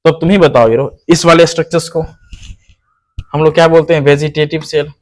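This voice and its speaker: A man with a fairly high pitch and steady tone talks a little fast in an online biology lesson. He asks his students questions, answers them himself, and repeats key terms, calling the viewer "hero."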